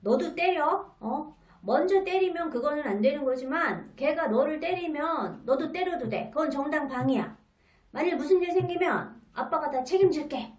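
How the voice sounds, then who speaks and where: A woman acting out a firm father who loudly urges his child to hit back. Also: sits high, expressive, voice pushed up. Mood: emphatic. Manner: loud, emphatic, quick. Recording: roomy, from a distance.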